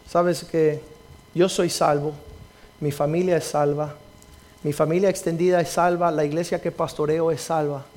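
A man preaching a sermon as pastor, reading scripture and acting out the voices in the story with rising emphasis. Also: a little high. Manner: preaching with dramatized quotes, rising to loud emphasis.

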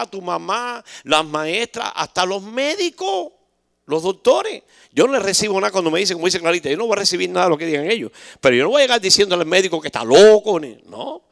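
Fast-talking man giving emphatic testimony. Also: sits high, big pitch swings, creaky, no room sound, studio quality. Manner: emphatic, acts out dialogue in shifting voices. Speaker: church member giving testimony. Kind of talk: spoken religious testimony.

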